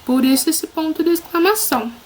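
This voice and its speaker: A woman's voice: sits high, fairly quick, low-quality recording. A woman teacher with a Brazilian Portuguese accent giving a recorded lesson to children, patient and encouraging, often checking that they follow.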